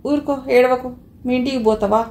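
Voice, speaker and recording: A woman's voice: high-pitched, steady tone, moderate pace, a little mellow. A woman reading a stern, motherly Telangana housewife. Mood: chiding comfort. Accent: Telangana Telugu. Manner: soothing, then chiding. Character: kind but stern housewife, middle-aged. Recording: roomy echo, faint noise.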